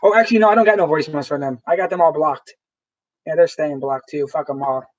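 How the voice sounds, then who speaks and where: High-voiced man rambling on a lo-fi stream. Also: fast. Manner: rambling, profane, with frequent restarts. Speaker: live-stream host. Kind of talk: casual live-stream chat. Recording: dull lo-fi sound.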